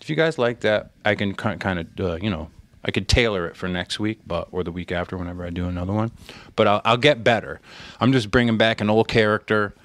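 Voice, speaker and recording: A man's voice: on the low side, fairly quick, fairly bright tone. A man hosting a podcast in casual chat, laid-back, rambling and swearing freely. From Connecticut, USA. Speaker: podcast host.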